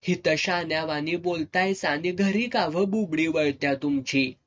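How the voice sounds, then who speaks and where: A man voicing a timid, quick-tempered young village farmer, in a serialized audio novel. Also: a little high, fairly bright tone. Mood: tense.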